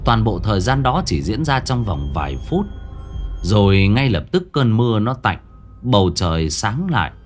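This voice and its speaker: A male storyteller narrates a ghost story in a casual, vivid style, tossing in crude asides. His pitch moves a lot through the telling, over a faint music bed. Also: big pitch swings, moderate pace.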